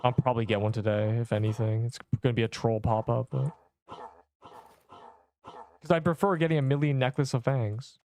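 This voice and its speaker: A young man streaming a game, chatting along in a casual, excitable way with gamer slang. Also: medium pitch, normal speed, pauses often. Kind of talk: casual livestream commentary.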